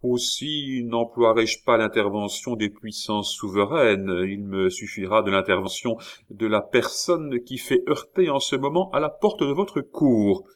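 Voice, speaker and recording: A man's voice: on the low side, measured pace, natural voice. A man reading aloud and voicing a proud, mocking nobleman who declaims with defiance. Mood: defiant. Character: proud, defiant mysterious male count.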